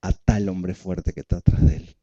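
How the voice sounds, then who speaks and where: A man's voice: low-pitched, a little fast, dark tone, slightly rough, dull audio. Man preaching with emphatic repetition. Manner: emphatic preaching, repeats phrases, asks the congregation questions. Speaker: pastor. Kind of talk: sermon.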